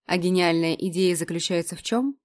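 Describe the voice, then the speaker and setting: A skeptical young woman, voiced by a female reader, answering her friend's schemes with dry sarcasm. She speaks near the reader's own pitch, a little firmer than the narration. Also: fairly quick, natural voice.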